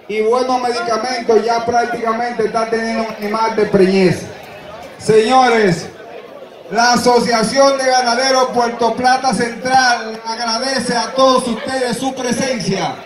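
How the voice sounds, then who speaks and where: At an open-air livestock show ring, a Dominican auctioneer speaks Dominican Spanish in a very high, projected voice, loud and insistent as he repeats bids and pushes buyers. His slow, drawn-out calls echo over a public-address system amid the crowd, captured on a spectator's camera.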